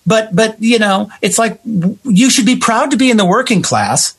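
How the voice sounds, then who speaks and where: A guest playwright and director explains his ideas with passion in a conversational interview, stressing points emphatically and acting out imagined remarks. His high voice is fairly bright and slightly rough, delivered at a moderate pace.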